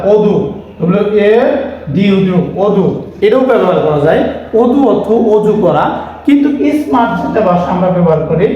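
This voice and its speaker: Man, English teacher, spells words letter by letter, asks and answers himself, fairly high voice, very echoey room. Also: a little mellow. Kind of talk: spelling-out vocabulary lesson. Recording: very echoey room, faint noise.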